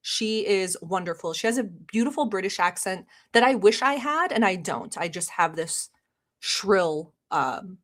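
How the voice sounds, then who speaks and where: Very animated yet measured in pace, a woman with a mid-range voice hosts a relaxed reaction live stream. Born in Turkey and a native Turkish speaker, she laughs often and voices the chat's messages aloud.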